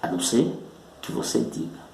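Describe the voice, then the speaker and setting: A man teaching a public speaking lesson, speaking slowly and emphatically and leaning hard on stressed syllables. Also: mellow, echoey room, slight background noise, rough recording. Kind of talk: recorded oratory lesson.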